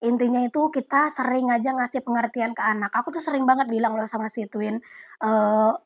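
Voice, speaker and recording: Relaxed, chatty young woman vlogger. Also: on the high side, a little fast. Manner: relaxed, chatty, often addresses viewers directly. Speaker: vlogger answering viewer questions. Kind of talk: casual Q&A chat. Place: home. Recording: dull lo-fi audio.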